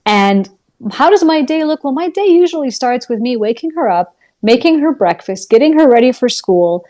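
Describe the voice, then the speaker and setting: Woman in her 30s, musician guest, kinda high voice, earnest and thoughtful. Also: expressive, normal speed, dark tone. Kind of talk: casual interview chat.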